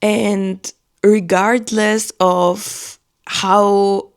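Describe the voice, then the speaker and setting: A native Albanian-speaking woman from Albania shares an earnest, reflective monologue in a personal vlog, searching for her words. Her medium-pitched voice has little pitch movement, drawn-out words, and a clean tone.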